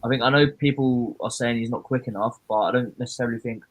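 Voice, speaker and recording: A man with a husky, mid-pitched voice chats as a football watchalong panellist. He gives his opinions in an informal, conversational way. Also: fairly even intonation, fast, low-quality recording. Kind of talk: casual opinionated football chat.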